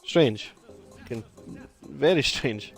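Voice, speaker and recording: Male streamer, rambling casual commentary, middle pitch, faint music under. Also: animated, drawn-out words, gravelly, breathy edge. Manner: chatty, rambling, reacts loudly to play. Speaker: gaming streamer.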